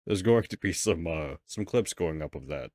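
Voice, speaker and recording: A man's voice: sits low, animated, moderate pace, a little mellow, no echo. A man co-hosting a podcast in loose, casual chat, swearing freely and rambling. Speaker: podcast co-host.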